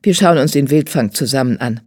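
A woman voicing a kind, calm male riding teacher in an audiobook, speaking low and gently. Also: brisk, slightly rough, no echo, clean studio sound. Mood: soothing.

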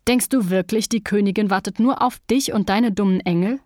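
A woman's voice: mid-range voice, a little fast, a little mellow, no echo, natural voice. Grumbling, jealous young workshop apprentice, read by a woman, scornful, dry close sound.

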